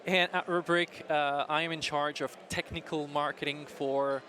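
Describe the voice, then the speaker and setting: A man's voice: a little high, fairly even intonation, moderate pace, bright, forceful tone. A man from France with a French accent, answering as an interview guest in a conversational way. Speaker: interview guest, technical marketing manager. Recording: busy crowd chatter behind.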